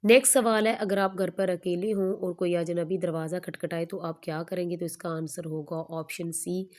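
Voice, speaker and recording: A woman teacher going through an exam paper question by question, stating each answer in a steady, explanatory way. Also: on the low side.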